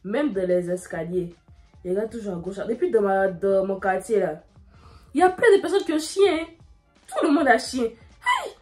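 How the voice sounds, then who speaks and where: A young woman, telling a dramatic story in a lively way while doing her makeup. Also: mid-range voice, a little fast, soft background music. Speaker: beauty vlogger.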